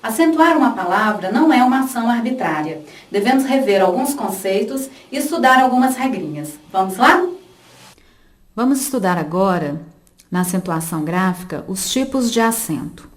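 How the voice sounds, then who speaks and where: A woman reading a grammar lesson aloud for an audiobook, slowly and carefully, spelling out each example word by word. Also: medium pitch, animated. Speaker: volunteer reader of an audiobook lesson.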